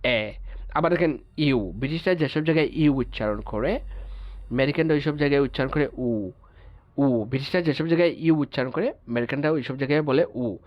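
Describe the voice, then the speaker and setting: A man teaching English pronunciation in a class lecture, patiently repeating example words slowly and checking that students follow. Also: mid-range voice, muffled recording.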